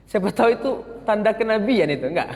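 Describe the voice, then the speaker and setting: Male preacher, storytelling sermon, very lively pitch, echoey mosque hall. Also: fast talker. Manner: animated, theatrical storytelling with shifting voices. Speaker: ustadz, preacher.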